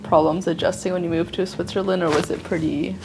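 A woman's voice: on the low side, fairly even intonation, fast talker. A woman from Hong Kong interviewing a guest in a chatty way, full of fillers. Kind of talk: casual interview chat. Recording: noisy background.

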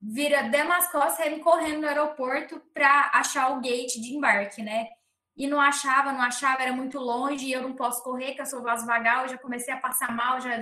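Bright, high-voiced Brazilian woman telling a story. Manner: animated, acts out the voices of people in her story. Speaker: podcast guest. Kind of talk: casual storytelling. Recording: roomy echo.

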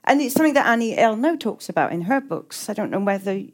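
In a mid-range, slightly mellow voice, this middle-aged woman from England talks at a quick pace with animated delivery. She has an English accent and offers reflective interview answers as a writer, hesitant and frequently repeating and restarting words.

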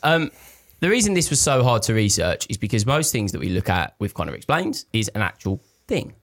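A man's voice: fairly low pitch, sing-song, fairly quick, a bit bright. A man bantering casually as a podcast co-host. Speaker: podcast co-host presenting an explainer segment.

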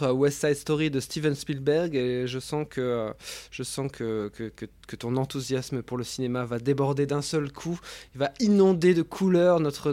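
A man's voice: medium pitch, a little mellow, dry recording. A man hosting a casual online film roundtable, talking over a video call with many fillers and repeated words. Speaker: host of a film roundtable show.

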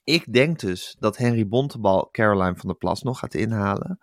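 A man co-hosting a podcast in casual political chat, agreeable and quick with short affirmations. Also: on the low side, lively intonation, no echo, studio quality. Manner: agreeable, lots of back-channel yeses. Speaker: podcast co-host.

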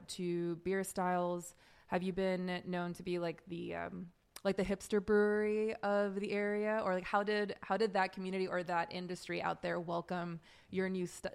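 A woman interviewer with vocal fry, speaking casually and a little self-consciously, with many "likes". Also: on the low side.

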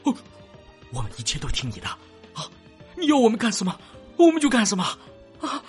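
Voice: medium pitch, animated, fairly quick, fairly bright tone, husky. An actor voicing frightened male laborers who plead, wail and fawn, with faint music behind them. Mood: terrified pleading. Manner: pleading, wailing and fawning.

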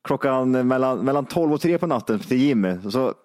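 A man, co-hosting a casual podcast chat, who laughs a lot, swears freely and repeats words when excited. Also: medium pitch, dry recording, studio quality. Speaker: podcast co-host.

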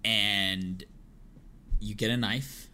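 A man co-hosting a podcast retells a story at great length in a casual chat, filling it with ums and uhs. His lowish voice is steady and sharp in tone, and he speaks extremely slowly.

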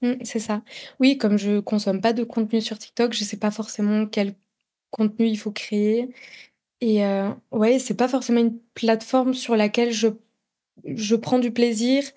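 A woman's voice: on the high side, level tone, normal speed, warm tone. A woman with a French accent, a podcast guest talking casually, with many fillers and restarts. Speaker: podcast guest, content creator. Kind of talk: casual interview chat.

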